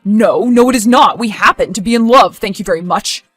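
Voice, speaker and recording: A woman's voice: mid-range voice, fairly quick, dry recording, faint music behind, lightly acted. A woman playing a brash, defensive stepfather in a scripted story, indignant and combative.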